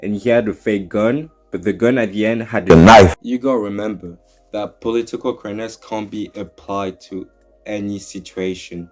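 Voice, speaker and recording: Low-voiced young man giving opinions. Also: moderate pace, soft background music. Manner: earnest, opinionated, rambling with restarts. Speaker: YouTuber. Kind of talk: opinion commentary vlog.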